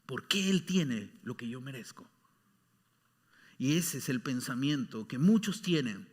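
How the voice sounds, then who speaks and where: A male pastor preaching a sermon, emphatic, dropping at times into soft whispers. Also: medium pitch, expressive, unhurried, husky, big-room sound. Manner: emphatic, shifting between loud exclamations and soft whispers. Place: church sanctuary.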